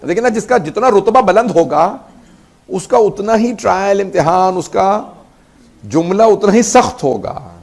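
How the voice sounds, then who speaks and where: A man preaching a sermon. His voice sits high and has a gravelly edge. He tells the story with acted-out dialogue and builds to emphatic peaks. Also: lively intonation, darkish tone. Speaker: Islamic preacher.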